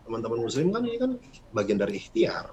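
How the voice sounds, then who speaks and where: A man, a breathing coach, explaining calmness in a relaxed casual chat. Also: quick pace, highs cut off. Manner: calm, explanatory, animated pitch swings.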